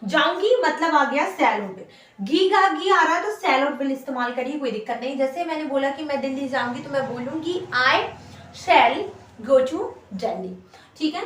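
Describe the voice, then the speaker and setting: Lady teaching english grammar, high pitched, says every example twice, sounds far off in a roomy space. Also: fairly bright tone. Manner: explains slowly, repeats each example. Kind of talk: classroom grammar lesson. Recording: echoey room, voice from afar.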